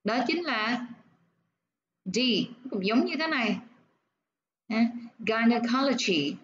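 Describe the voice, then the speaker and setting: A woman teaching nursing English, explaining step by step and repeating words slowly to show where the stress falls. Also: a little high, expressive, highs cut off, slight background noise.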